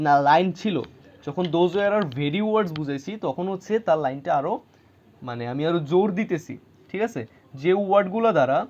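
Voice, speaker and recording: A man walks students through a grammar lesson, pausing often to ask whether they follow. His voice sits a little high. The recording sounds muffled and lo-fi. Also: darkish tone, a little hiss or hum. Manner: explains patiently, checks in with rhetorical questions. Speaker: English grammar teacher.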